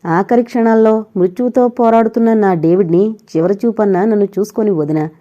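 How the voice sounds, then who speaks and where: A woman's voice: medium pitch, brisk, mellow, lo-fi sound, lightly acted. A woman voicing a young married woman who pleads and weeps over her dying lover, in a storybook reading. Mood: pleading. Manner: tearful, pleading.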